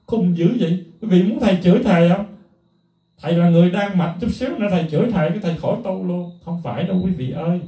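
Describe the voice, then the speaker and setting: A middle-aged man, a music teacher, talking casually to viewers in an animated, emphatic way. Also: sits high, fast, recorded from a distance. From Vietnam. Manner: animated, emphatic, mimics others in a raised voice. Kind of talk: casual spoken talk to viewers. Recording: echoey room, voice from off the mic.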